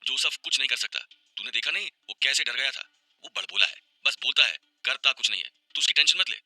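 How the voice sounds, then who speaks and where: A man playing a middle-aged father who calmly consoles his daughter and waves off threats. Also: medium pitch, quick pace, dry recording, voice pushed up. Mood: reassuring. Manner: calm, consoling, casual.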